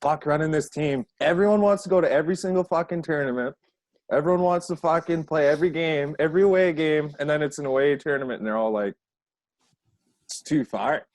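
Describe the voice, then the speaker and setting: A man's voice: a little high, fast, a little mellow. Casual guy from alberta, cusses a lot, rambly hockey yarns, no room echo. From Alberta, Canada. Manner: swears constantly, rambling storyteller. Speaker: guest hockey player. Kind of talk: casual podcast chat.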